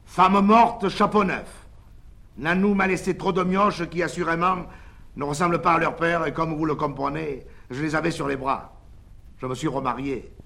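A man's voice: on the high side, fairly even intonation, normal speed, vocal fry, fairly bright tone. Guy doing a sly whiny village peasant in an old tale, pleading to a doctor. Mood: wheedling. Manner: pleading, hard-luck talk. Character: cunning peasant villager, wheedling and complaining.

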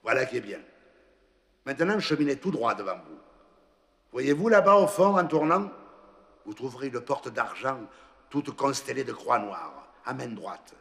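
A man's voice: mid-range voice, sing-song, normal speed, gravelly, pauses often, a bit bright, in a large hall. A man voicing a genial, kindly old saint who keeps heaven's gate, in a story reading. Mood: reassuring. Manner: hearty, kindly, reassuring.

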